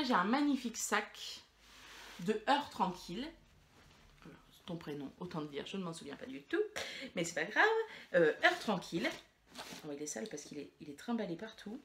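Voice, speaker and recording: A woman's voice: medium pitch, a bit bright, a little hiss or hum. A woman hosting a knitting podcast, chatting casually and rambling with many fillers and restarts. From France. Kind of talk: casual chat to camera.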